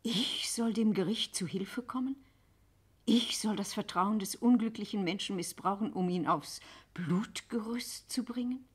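A woman's voice: mid-range voice, steady tone, moderate pace, few pauses, a little mellow, slightly rough, close to an everyday voice. A woman playing a dignified, principled noblewoman in a radio drama, speaking in a formal, emphatic, theatrical way. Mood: indignant. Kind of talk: German literary radio drama.

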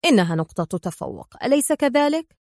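A woman voicing a calm, sarcastic male secret agent hero. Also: medium pitch, fairly quick, dry recording, studio quality, natural voice. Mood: calm mocking.

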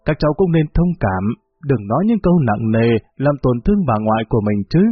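A man doing a calm old peacemaking woman. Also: mid-range voice, brisk, husky, no room sound. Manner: soothing, reasoning. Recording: tinny phone-like, faint music.

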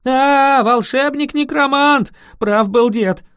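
A man's voice: big pitch swings, fairly quick, mellow, no echo, clean studio sound. A man voicing a frightened, superstitious young peasant who shrieks hysterically. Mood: panicky. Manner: shrill, hysterical yelping. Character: panicky superstitious male peasant, young adult.

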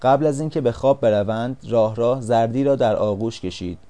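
A man reads a storybook aloud as an audiobook, keeping an even, steady narration. His voice is warm and mellow, at a medium pitch.

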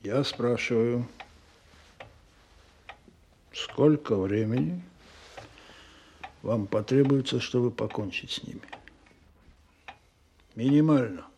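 Slow, stern Stalin in a radio play. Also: male voice, mid-range voice, darkish tone, slight background noise. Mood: cold demanding. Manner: slow, deliberate, accusatory, repeating questions. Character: Stalin, stern menacing older male supreme leader.

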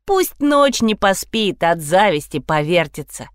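A woman voicing a shrill, indignant teenage girl in a read-aloud story. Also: sing-song, a little slow, smooth, no room sound, clean studio sound. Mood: smug. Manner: shrieking, indignant.

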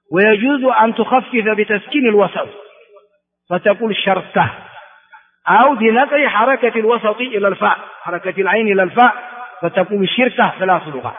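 A man from Ethiopia, a religious scholar teaching a class, who repeats words for his students and asks them quick rhetorical questions. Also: high-pitched. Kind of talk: classroom lecture explaining a text. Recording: phone-like sound with long hall reverb.

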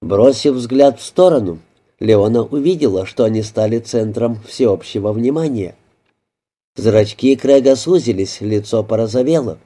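Deep mellow male audiobook narrator. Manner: even, measured storytelling. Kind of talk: scripted narration.

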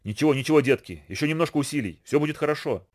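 A caring mother, as a storybook narrator puts her on, speaking in a soft, hushed, gentle voice. The delivery stays quick and the pitch moves freely. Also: expressive. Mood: soothing. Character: caring mother, adult woman, soothing.

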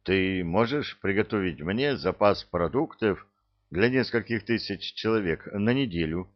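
A man's voice: on the low side, animated, a little slow, muffled recording. A man voicing an earnest young male emperor who was once a jester. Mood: remorseful. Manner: earnest, pleading.

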